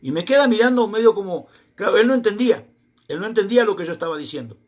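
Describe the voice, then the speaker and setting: In an expressive voice at a quick pace, a middle-aged man from Argentina preaches, his pitch strikingly high for a man and his accent Argentine Spanish. He shares his own testimony as a sermon, storytelling throughout and performing both sides of every conversation he recounts.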